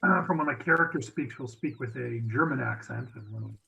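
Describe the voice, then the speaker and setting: A man's voice: medium pitch, fairly quick, vocal fry, sharp tone, muffled recording. A man playing in a tabletop game, talking casually with wry asides. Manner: wry, self-aware asides. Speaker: player.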